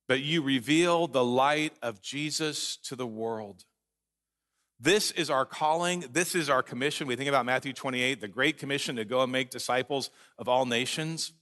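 A man preaching a sermon as pastor, earnest and emphatic, slowing down to read scripture aloud. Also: mid-range voice, sharp tone. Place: church sanctuary.

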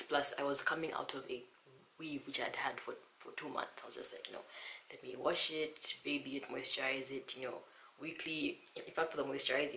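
A hoarse young woman from Zambia chatting casually to her vlog audience at home, often half-whispering. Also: rumbling low. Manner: half-whispering, soft and hushed at times. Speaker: vlogger. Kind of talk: casual chat. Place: small quiet room at home. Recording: echoey room with faint hiss.

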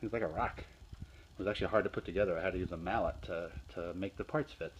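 Low-voiced man filming his garage workshop. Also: lo-fi sound, slight background noise. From Northeastern Pennsylvania. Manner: plain, unhurried, with fillers and restarts. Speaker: hobby woodworker. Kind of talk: casual show-and-tell vlog. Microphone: handheld phone camera.

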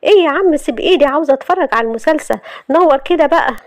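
Brief: sassy, quick-tongued young wife, Egyptian accent, bright high voice, a woman reading her. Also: no echo, studio quality, close to an everyday voice. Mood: defiant. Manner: sassy, argumentative.

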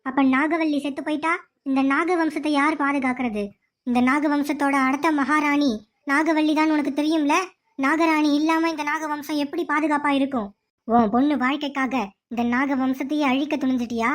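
A stern, protective clan woman, voiced by a woman in a cartoon, lectures in a reproachful tone. Her voice is high. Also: fairly even intonation, brisk, close to an everyday voice. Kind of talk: cartoon voice acting.

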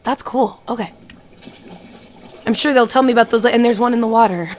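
A woman streaming a video game live, chatting and thinking out loud with excited reactions. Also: on the high side, normal speed. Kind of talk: live gameplay commentary.

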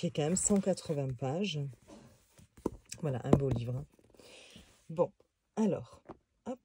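A woman's voice: low-pitched, noisy background. A woman casually reviewing a tarot deck on video, talking in a hesitant way with many fillers and restarts.

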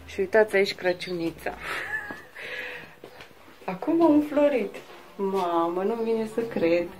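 A woman's voice: medium pitch, darkish tone. A woman filming a casual walking vlog in a village garden on a phone, exclaiming often and talking to her viewers. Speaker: vlogger.

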